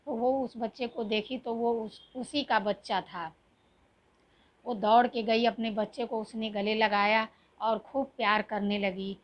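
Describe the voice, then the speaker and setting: A woman's voice: fairly high pitch, fairly even intonation, unhurried, muffled recording. A middle-aged woman, a channel host, telling a devotional story in a plain, conversational way with frequent fillers. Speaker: YouTube astrologer and storyteller.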